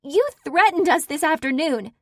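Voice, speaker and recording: A woman's voice: very high-pitched, sing-song, normal speed, a little mellow, no room sound, studio quality, pitched above the performer's own voice. A woman voicing a hysterical, grieving young woman who shrieks and sobs accusations in an audiobook. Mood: accusing. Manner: shrieking, sobbing.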